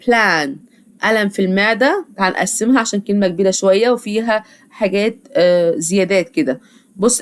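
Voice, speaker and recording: Woman, Egyptian Arabic accent, young adult, English teacher, patient slow word drills, lesson for kids. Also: mid-range voice. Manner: patient, repeats each word slowly for children to echo. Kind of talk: vocabulary lesson with drilled repetition.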